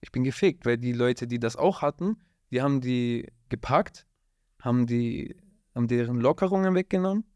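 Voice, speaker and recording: This rapper, a guest in a laid-back interview, tells stories animatedly at a moderate pace, with street slang and "Bruder" in nearly every line. His mid-pitched voice is captured dry at close range by a studio mic on a boom arm in a dark, blue-lit room.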